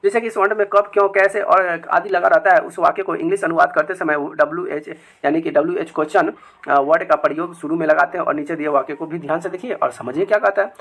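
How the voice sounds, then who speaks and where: A man teaching English grammar to children in a video lesson, repeating each example sentence slowly several times. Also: a little high, steady tone, gravelly, fairly bright tone. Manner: addresses viewers as children. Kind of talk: Hindi-language grammar lesson.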